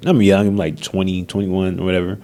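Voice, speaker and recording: A man's voice: low voice, flat delivery, brisk, mellow. A man from California hosting a podcast, talking in a laid-back, casual way, swearing freely and laughing often. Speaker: podcast host.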